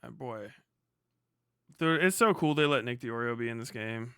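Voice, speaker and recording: An American man livestreams while gaming, offering irreverent, sarcastic, profane commentary in a casual chat. His mid-range voice is a bit bright and clean, at a moderate pace. The studio sound is clean with no echo.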